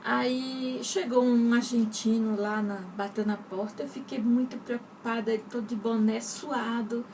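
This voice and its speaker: A woman shares a personal testimony of faith, earnest and rambling as she turns to her listeners. Her voice sits a little high and carries a gravelly edge. She sounds set back from the microphone, with clear background noise. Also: steady tone, measured pace, a little mellow. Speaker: testimony speaker. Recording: distant mic with noticeable background noise.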